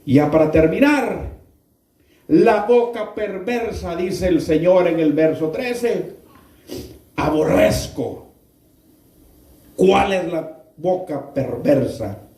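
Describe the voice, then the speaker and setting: A man preaching a sermon, firing rhetorical questions at the congregation and rising into sudden shouts. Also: high voice, expressive, slow, long pauses. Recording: roomy echo, mic far off.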